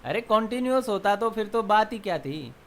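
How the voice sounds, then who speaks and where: An animated male math lecturer switches between Hindi and English, explaining step by step and constantly quizzing students with quick check questions he then answers himself. His pitch swings widely, and a faint hiss sits beneath his voice.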